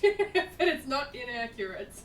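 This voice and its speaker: A woman with a fairly high voice rambles through a casual chat with friends. She is self-mocking and animated. The mic sits well away from her, and the room is echoey with clear background noise. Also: a little slow. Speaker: stream co-host. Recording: distant mic, roomy echo, noise.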